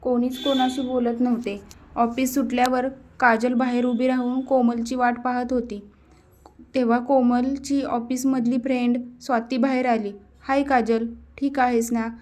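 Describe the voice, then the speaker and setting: Woman storyteller, scripted narration, high and flat. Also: normal speed.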